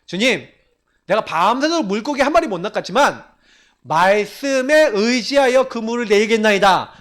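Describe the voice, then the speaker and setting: A man's voice: high-pitched, lively intonation, normal speed, a bit bright. An eager, earnest fisherman disciple, voiced by a male preacher, raising his voice in pleading devotion. The delivery is sincere and heartfelt. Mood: humble.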